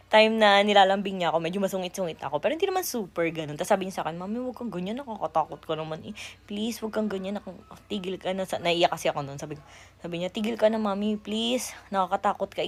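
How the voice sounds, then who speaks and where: Chatty Filipino woman vlogger, lowish voice. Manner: animated, giggly, mixes English and Filipino. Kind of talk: casual chatty vlog in Taglish.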